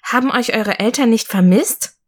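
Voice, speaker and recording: Woman doing a wide-eyed young child, high voice, breathy questions, storybook reading. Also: sing-song, normal speed, a little mellow. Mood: curious. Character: curious excited young child, story's narrator. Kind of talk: audiobook reading.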